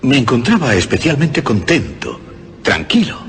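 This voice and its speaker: Theatrical male audiobook narrator, wide pitch swings. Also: wildly swooping pitch, normal speed, fairly bright tone, slight background noise. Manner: theatrical, building to frantic outbursts.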